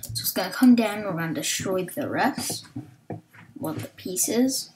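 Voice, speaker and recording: Slow, hesitant woman thinking aloud. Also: medium pitch, lively intonation, background noise. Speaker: gaming channel host. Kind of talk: Let's Play commentary.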